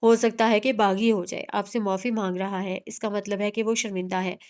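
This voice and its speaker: A woman reading the lines of a patient middle-aged father calming his wife. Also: medium pitch, brisk, lightly acted. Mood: soothing. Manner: soothing and patient.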